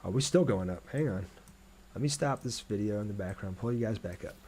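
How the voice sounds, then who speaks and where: A man hosts a casual gaming livestream, chatting with viewers and thinking aloud while he plays. His voice is lowish and a little mellow, fairly quick, with lively intonation, and there is slight background noise.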